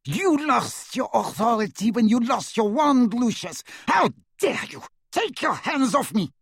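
Cast a man playing a fanatical dark witch: shrill, screeching, husky edge, dry sound. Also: big pitch swings, unhurried, dry recording, exaggerated voice. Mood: scornful. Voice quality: shrieking. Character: shrill unhinged female witch, cruel and fanatical.

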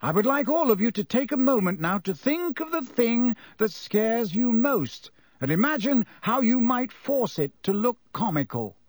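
A man voicing a kind, calm, middle-aged male professor in an audiobook, speaking in a patient, encouraging way. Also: very high voice, moderate pace, few pauses, no room sound, studio quality, voice pushed up, full character voice. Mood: patient teaching. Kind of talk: audiobook character voice.

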